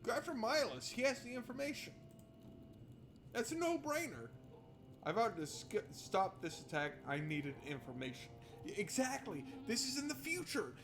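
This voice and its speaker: A game streamer with an extremely high-pitched, slightly bright voice swings wildly in pitch while speaking at a moderate pace. He's doing informal, sweary let's-play commentary, talking to himself and reading game text aloud over game music.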